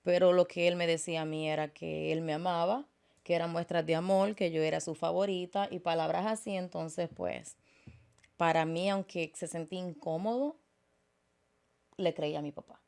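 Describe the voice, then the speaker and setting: A woman speaks as an interview guest, recounting her life earnestly. Her voice sits low and has a gravelly edge. She pauses and restarts often, dropping in fillers and small English asides. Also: steady tone, a little mellow. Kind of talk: personal testimony in interview.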